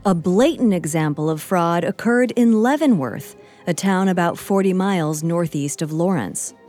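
A woman co-hosting a history podcast, reading a script in a measured way. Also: on the low side, animated, a little mellow. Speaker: podcast co-host. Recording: faint music bed.

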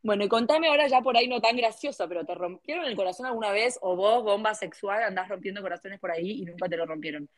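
A woman's voice: mid-range voice, quick pace, hardly any pauses, no room sound. A woman with an Argentine Spanish accent hosting a podcast, chatty and playful in casual conversation. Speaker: podcast host. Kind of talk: casual chat.

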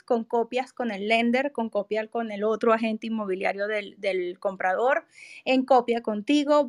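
High-pitched woman trainer, emphatic. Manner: emphatic, checks understanding with short tag questions. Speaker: real estate trainer and host. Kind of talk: instructional talk to real estate agents.

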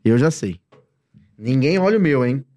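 Teasing man with lively pitch. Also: normal speed, dry recording, studio quality. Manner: teasing, playful banter. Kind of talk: casual chat during a movie-quote guessing game.

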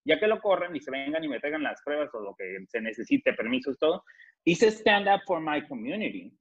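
A man with a Mexican Spanish accent telling an animated, emphatic story as an interview guest over a video call, mixing in English phrases. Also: on the high side, fairly quick, husky. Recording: muffled video-call audio.

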